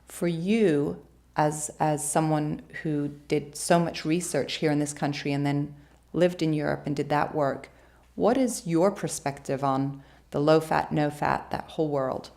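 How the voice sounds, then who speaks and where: A woman from Switzerland with a low voice hosts an interview. She asks curious questions and adds personal asides as she goes. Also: fairly even intonation, unhurried, darkish tone. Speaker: host. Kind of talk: interview hosting.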